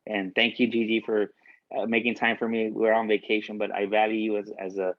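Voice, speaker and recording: A man's voice: fairly low pitch, flat delivery, brisk, muffled recording. A man giving a faith-based motivational speech as a guest speaker, repeating key lines for emphasis.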